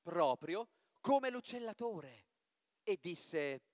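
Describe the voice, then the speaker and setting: A man, an actor, giving a dramatic, expressive reading of a fairy tale in a church. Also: sits high, moderate pace, dry recording, clean studio sound.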